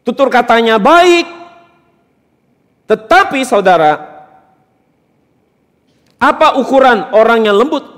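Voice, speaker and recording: Man, pastor, interactive sermon, high voice, teasing and emphatic, long church-hall reverb. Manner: questions the congregation directly, teasing and emphatic. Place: church hall during a service.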